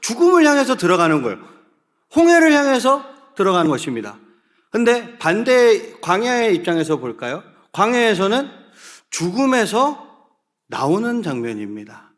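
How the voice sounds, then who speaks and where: A man's voice: high voice, very animated, normal speed. A man preaching a sermon to a youth group in a church, often asking the listeners questions and calling on them to read aloud together. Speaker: youth pastor.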